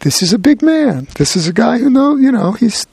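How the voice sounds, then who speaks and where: A man's voice: extremely high pitch, very animated, moderate pace, vocal fry, a little mellow, slightly rough, dry recording, pitched above the performer's own voice, full character voice. A man voicing a puzzled temple custodian who reacts with incredulous bafflement. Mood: baffled.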